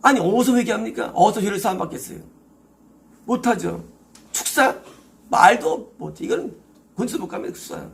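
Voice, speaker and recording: A male pastor delivers an emphatic sermon, firing off rhetorical questions and answering them himself. His voice sits high, with a gravelly, fry-laden texture. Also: expressive, moderate pace, pauses often. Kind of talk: expository sermon.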